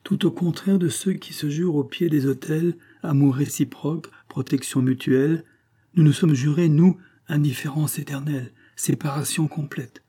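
A man's voice: moderate pace, warm tone, breathy edge. A man reading an audiobook voices a proud, anguished young countess in a raised, tense, pleading tone. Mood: indignant. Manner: tense, pleading and high-pitched. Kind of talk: audiobook character voice.

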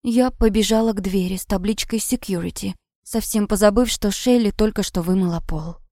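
A woman reading a first-person novel aloud in a lively storytelling manner. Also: medium pitch, a little fast, dry recording, clean studio sound. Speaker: audiobook narrator.

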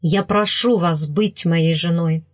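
A woman voicing an earnest middle-aged man from a storybook, who proposes marriage with slow, pleading insistence. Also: fairly low pitch, no echo, clean studio sound.

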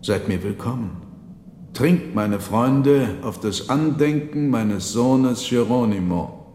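Man playing a pleading old father, earnest, slow, echoey hall. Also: mid-range voice, lively intonation, mellow. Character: old male host, grieving father, earnest. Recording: roomy reverberant hall.

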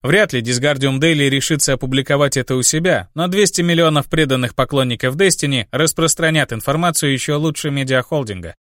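A man's voice: medium pitch, fairly quick, few pauses, no echo, clean studio sound. Man narrating a first-person audiobook. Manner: steady storytelling.

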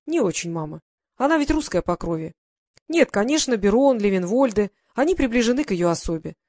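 A woman reading an audiobook, voicing a calm young male guard sergeant reassuring his mother in a steady way. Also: medium pitch, brisk, lightly acted.

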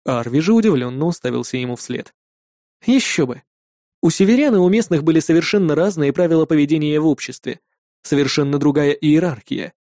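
A man narrating a first-person story in a lively, wry manner. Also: fairly high pitch, fairly quick, no room sound, studio quality. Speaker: audiobook narrator.

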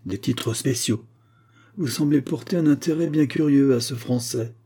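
Storybook villain: a man voicing a haughty male Russian major, husky and mellow, sneering and domineering. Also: mid-range voice, normal speed, pitched above the performer's own voice. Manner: sarcastic, domineering.

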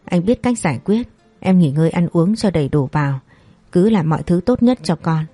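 A woman's voice: on the low side, expressive, brisk, dark tone, breathy edge, no echo, soft background music. A woman reading as a torn, reassuring married man.

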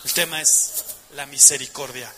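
A man's voice: medium pitch, fairly even intonation, normal speed, pushed and bright, in a large hall, slight background noise. A man preaching a passionate sermon, emphatic, asking the audience rhetorical questions.

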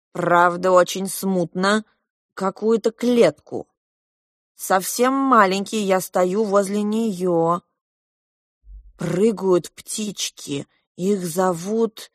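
A woman voicing a fragile, dreamy little boy who speaks slowly and drifts. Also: fairly high pitch, gravelly, dry recording, studio quality, pitched above the performer's own voice, exaggerated voice. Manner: slow, drifting, then crying out.

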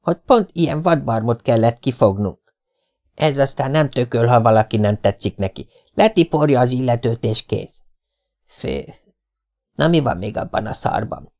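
A man's voice: mid-range voice, animated, darkish tone, pitched above the performer's own voice, natural voice. A man reading an audiobook, voicing a hot-headed, foul-mouthed male police officer who blusters and swears. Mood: furious.

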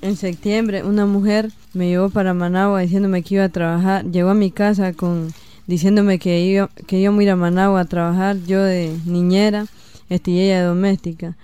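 A young Nicaraguan woman of eighteen speaks haltingly, stopping and restarting often. Her voice stays flat and dark, very smooth and clear. The sound is dry and close. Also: medium pitch, dry recording. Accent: Nicaraguan Spanish. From Matagalpa, Nicaragua. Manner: halting, many fillers and restarts. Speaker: interviewee. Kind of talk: personal testimony.

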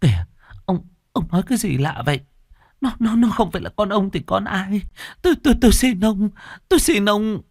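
A man's voice: mid-range voice, wildly swooping pitch, unhurried, gravelly, husky, no room sound, clean studio sound, pitched above the performer's own voice, exaggerated voice. A man voicing a frightened middle-aged peasant wife who stammers and begs. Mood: pleading. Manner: stammering, tearful begging.

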